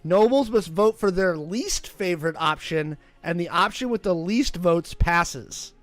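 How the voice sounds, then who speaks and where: High-pitched man hosting a game night. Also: expressive, a little slow, fairly bright tone, faint music behind. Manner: reads game text with playful dramatic flair. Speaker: game host reading events aloud. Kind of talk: casual game night narration. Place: gaming shop.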